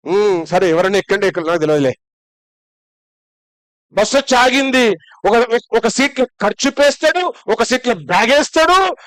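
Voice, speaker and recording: A male pastor preaching a Sunday sermon in a lively, conversational way, firing off rhetorical questions. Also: sits high, dry recording.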